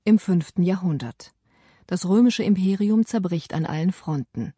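Solemn woman audiobook narrator, husky. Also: lowish voice, animated, normal speed, warm tone, no room sound, studio quality. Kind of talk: scripted narration.

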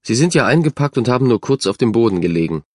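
A man's voice: mid-range voice, sing-song, fast, darkish tone, no echo, clean studio sound. A man voicing a self-assured, friendly young girl who stands up for others. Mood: confident. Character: confident, kind young girl, team captain.

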